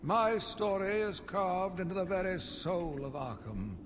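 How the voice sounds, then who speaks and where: A man's voice: sits high, big pitch swings, measured pace, background noise. An actor voicing a solemn male ghost of an old asylum, grave and declamatory. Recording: reverberant game audio with clear ambience.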